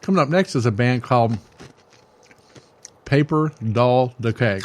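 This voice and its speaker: On a metal radio show, a male host reviews songs in a loose, jokey way full of fillers, his mid-range voice expressive and measured in pace. He's losing his voice, and it's beginning to fail as he keeps up the casual music talk.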